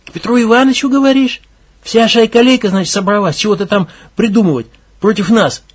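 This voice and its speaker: A man voicing a hot-tempered young village gang leader who barks, mocks and shouts. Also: sits high, fairly quick, husky. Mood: scornful. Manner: angry, mocking, shouting, coarse.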